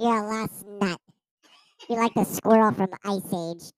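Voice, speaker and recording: Sped-up squeaky chipmunk voices. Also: male voice, a little slow, no echo, low-quality recording. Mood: drunk, giggly. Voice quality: squeaky, swearing, giggly. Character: drunk squeaky cartoon chipmunk brothers, young males. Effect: sped-up high chipmunk voice. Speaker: podcast hosts. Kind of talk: comedy skit.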